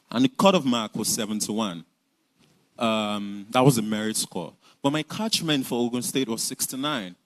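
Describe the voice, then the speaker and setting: Over a rough recording, a young man from Nigeria speaks at a medium pitch in a Nigerian accent. He recounts his own life in an earnest, reflective manner, with a few light laughs along the way.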